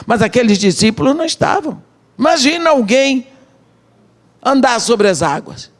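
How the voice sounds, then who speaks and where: A middle-aged woman with a Brazilian Portuguese accent, preaching a sermon as a missionary and telling the story dramatically in short, measured phrases. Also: a little high, animated.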